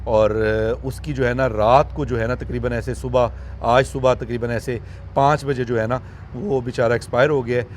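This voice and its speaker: A man of middle pitch talks outdoors at his animal farm. He soothes and coaxes the animals gently and speaks sorrowfully to his viewers, with faint noise behind him. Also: fairly even intonation, moderate pace. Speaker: wildlife farm owner and vlogger. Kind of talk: casual vlog talk to camera.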